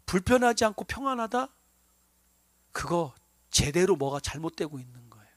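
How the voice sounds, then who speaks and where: A male pastor preaching a sermon in a voice set high for a man. He swings between forceful emphasis and hushed, almost whispered lines, and keeps asking the congregation rhetorical questions. The sound is close and dry, with no room echo.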